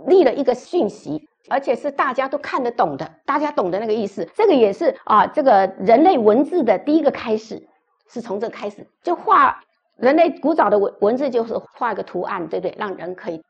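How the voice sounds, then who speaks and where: A woman's voice: a little high, animated, a little fast, husky, lo-fi sound. A woman pastor preaching a sermon, telling a story with emphatic, repeated phrases.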